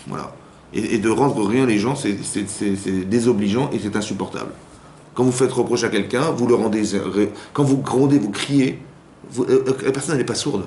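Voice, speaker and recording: This rabbi's voice is fairly low and a little mellow, and he speaks at normal speed. Teaching women informally in a community hall, he chats with many repetitions and restarts and voices quoted spouses. The recording carries room echo and a faint hum.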